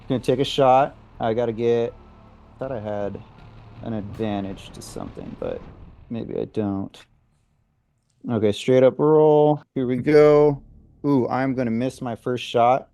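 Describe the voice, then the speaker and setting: A man's voice: medium pitch, warm tone. A man chatting casually as a player in a tabletop role-playing game.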